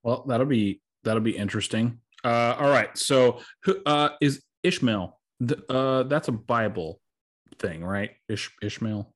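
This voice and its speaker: A man's voice: medium pitch, unhurried. A man hosting a podcast, chatting casually and rambling with lots of fillers, sounding tired. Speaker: podcast host.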